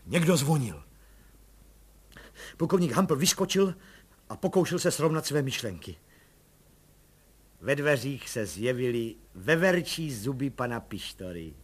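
A man reading a story aloud in a measured, calm storytelling manner. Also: mid-range voice, husky. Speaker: narrator. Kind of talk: audiobook narration.

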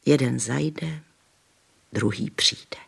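A kindly old village grandmother, read by a man, spinning folk tales for the little ones in a homely, unhurried way. The voice is gravelly and a bit husky, sitting at a middling pitch. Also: a bit bright, heavily acted. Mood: storytelling. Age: older. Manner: homely, patient storytelling with folksy sayings.

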